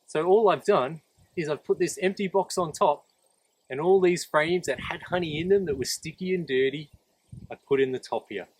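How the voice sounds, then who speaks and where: A man's voice: on the high side, moderate pace, darkish tone, slightly rough, poor audio. A man instructing in a practical, plain-spoken way, explaining a hands-on demonstration step by step while outdoors. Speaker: beekeeping instructor. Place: outdoors beside beehives.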